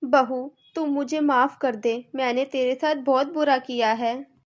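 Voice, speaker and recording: A woman's voice: sits high, steady tone, unhurried. A woman voicing a bossy, complaining middle-aged mother-in-law in a cartoon, nagging and scolding.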